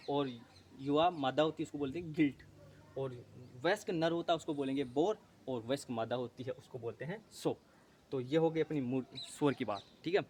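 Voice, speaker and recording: A man with a somewhat raised, slightly mellow voice teaches an exam-prep lesson, drilling each term by asking a question and answering it himself. He's repetitive and often stops to correct his slips. Faint background noise runs beneath him.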